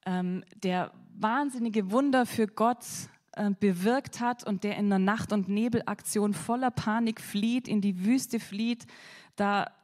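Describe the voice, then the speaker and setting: A woman preaching a sermon dramatically, swinging between loud emphasis and whispers. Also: mid-range voice, unhurried.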